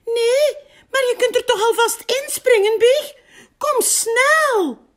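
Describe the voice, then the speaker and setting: A woman's voice: slow pace, fairly bright tone, exaggerated voice. A woman voicing a small, eager mouse in a storybook reading. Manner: squeaky and eager.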